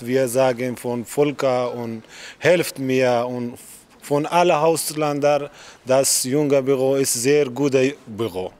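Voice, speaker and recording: Slow man speaking broken learner's German. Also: mid-range voice, a little mellow. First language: not German. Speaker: interviewee. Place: outdoors on a street. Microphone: handheld mic held by interviewer.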